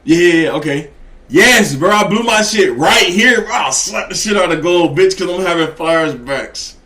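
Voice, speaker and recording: A man gives blunt, slangy talk about trading, full of swearing and "you get what I'm saying." His voice sits fairly high. The room around him is echoey. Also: lively intonation, moderate pace, bright, forceful tone. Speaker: trading educator. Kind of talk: casual profane trading talk.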